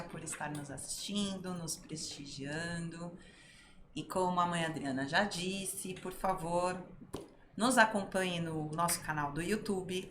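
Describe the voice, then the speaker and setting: A woman co-hosting a podcast, greeting the audience and asking viewers to follow the channel in slow, deliberate phrases. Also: lowish voice, bright, forceful tone. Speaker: podcast co-host. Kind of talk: casual podcast interview. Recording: faint background noise.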